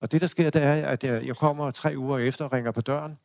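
Older Danish male lecturer, gravelly voice, meandering anecdotal delivery. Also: medium pitch, fairly even intonation, darkish tone, dry recording, clean studio sound. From Denmark. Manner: rambling anecdotal storytelling with restarts and chuckles. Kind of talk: personal storytelling lecture. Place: lecture hall.

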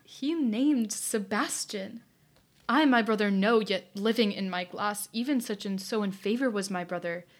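A woman's voice: medium pitch, a little slow, lightly acted. A woman playing a hopeful young woman in disguise in a stage play, earnest and reflective.

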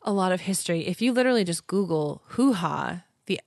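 A woman's voice: lowish voice, lively intonation, brisk, a little mellow, dry recording, clean studio sound. A woman co-hosting a podcast, chatting casually and animatedly, sometimes acting out little voices. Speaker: podcast co-host. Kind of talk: casual chat.

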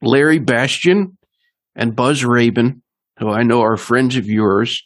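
Polite male interviewer, mid-pitched voice. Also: slow pace. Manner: polite, appreciative. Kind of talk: conversational interview questions.

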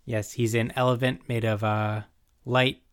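Young guy cohosting a podcast, average pitch, loose informal recap chat. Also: little pitch movement, measured pace, fairly bright tone, clean tone. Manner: informal, sweary, acts out paraphrased dialogue. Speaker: podcast co-host.

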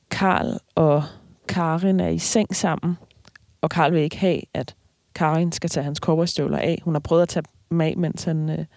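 Writer, reading aloud then book talk, measured pace, gravelly, dry close sound. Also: mid-range voice, darkish tone, no echo. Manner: slow, measured reading with hesitant fillers in discussion.

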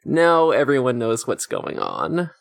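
A man's voice: medium pitch, wildly swooping pitch, measured pace, creaky. A man casually recapping an episode as a podcast co-host, loose and full of fillers like "like" and "you know". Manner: loose, filler-heavy storytelling with swearing.

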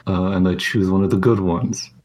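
A man's voice: low-pitched, fairly even intonation, normal speed, darkish tone, a little hiss or hum. A man chatting casually as a player in a tabletop roleplaying game, describing what his character does and says.

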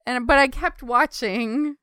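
A woman's voice: sits high, measured pace, a bit bright, clear, resonant tone, no room sound, studio quality. A woman co-hosting a podcast in casual chat, bantering and laughing often. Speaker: podcast co-host.

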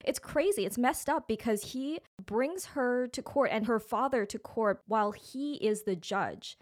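A woman hosts a podcast interview and asks questions in a measured, thoughtful way. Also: a little high, expressive. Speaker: podcast host.

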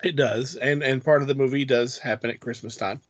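A man's voice: medium pitch, fairly even intonation, a little fast, slight background noise. Rambling male podcast co-host. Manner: rambling, hesitant, many fillers and restarts. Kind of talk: casual podcast chat.

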